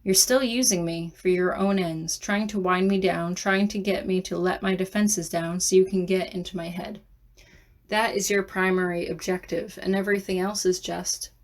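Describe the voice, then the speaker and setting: A woman voicing a bold, perceptive young woman interpreter in a fan fiction audiobook, speaking softly and deliberately in a coaxing way. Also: lowish voice, fairly even intonation, lightly acted.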